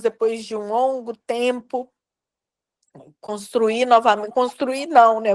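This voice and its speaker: A woman's voice: fairly high pitch, dry recording. A woman from Brazil, telling her own story as an interview guest, talking conversationally and repeating lines as she recalls what was said. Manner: conversational, repeating phrases and reported dialogue.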